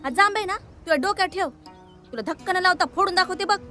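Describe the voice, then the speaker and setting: A teasing village girl, very high voice. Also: quick pace, pushed and bright, faint music behind. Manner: teasing, bold, chatty. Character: cheeky, gossipy young village woman. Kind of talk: film acting.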